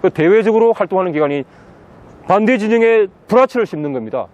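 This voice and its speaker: A man's voice: sits high, expressive, fast, a little mellow, lo-fi sound. A man giving an impassioned outdoor interview, pressing his points by repeating the same words again and again. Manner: insistent, hammers key words again and again. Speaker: interviewee, political commentator. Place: outdoors in a city.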